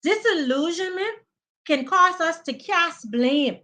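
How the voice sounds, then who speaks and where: A woman in her thirties speaks with a high, bright voice in an earnest, preaching way. She hosts a live motivational training and addresses her viewers directly. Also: expressive, takes it slowly. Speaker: life coach hosting a live training. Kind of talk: live-stream motivational talk.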